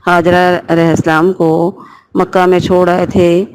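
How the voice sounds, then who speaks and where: A woman's voice: on the low side, little pitch movement, darkish tone, a little hiss or hum, low-quality recording. A woman giving a word-by-word translation and tafsir lesson, reading each Arabic phrase and then glossing it. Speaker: Quran teacher.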